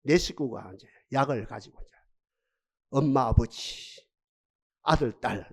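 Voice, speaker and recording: A male pastor delivering a dramatic sermon full of rhetorical questions, swinging from loud to hushed. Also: medium pitch, measured pace, breathy edge. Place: church sanctuary.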